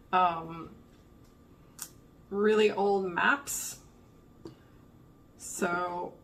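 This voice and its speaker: Slow, rambling woman chatting about her crafts. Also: mid-range voice, fairly bright tone, a little hiss or hum. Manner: rambling, thinking aloud. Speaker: art vlogger. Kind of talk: casual show-and-tell of an art journal.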